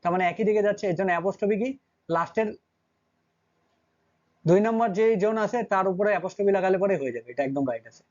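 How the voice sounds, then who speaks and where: High-voiced man teaching grammar. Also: quick pace, long pauses, darkish tone, lo-fi sound. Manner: asks students frequent check questions. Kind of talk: classroom grammar lesson.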